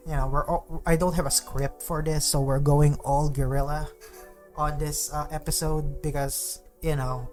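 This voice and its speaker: A young Filipino man, a native Tagalog speaker, hosts a casual podcast in English. He rambles without a script, stops and restarts his sentences, and fills the gaps with filler words. His voice sits at an ordinary middle pitch, with faint music underneath. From Philippines. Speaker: podcast host. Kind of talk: unscripted casual monologue.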